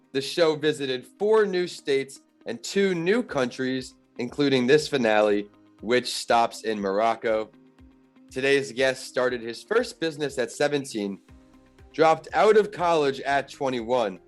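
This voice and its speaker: Measured male podcast host over faint music. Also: fairly high pitch. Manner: measured, announcer-like delivery. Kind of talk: scripted intro and interview questions.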